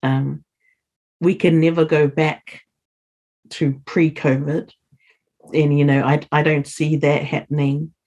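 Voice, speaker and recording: In a casual podcast interview, a community leader whose first language isn't English speaks earnestly and encouragingly. Her voice sits low and dark, level in tone, with a slow pace and long pauses.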